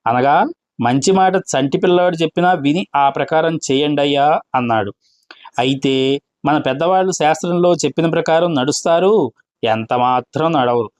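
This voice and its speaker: A man reading as a boastful, self-important tutor who lectures pompously and talks himself up. The voice sits fairly high and stays close to the reader's own. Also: moderate pace, no room sound, close to an everyday voice.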